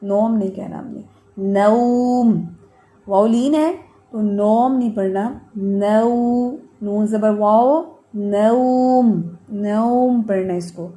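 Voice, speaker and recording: A woman leads an online Quran recitation class, patiently correcting her students' mistakes, checking in with them, and modeling each word in slow, drawn-out recitation. Her voice is warm and medium-pitched.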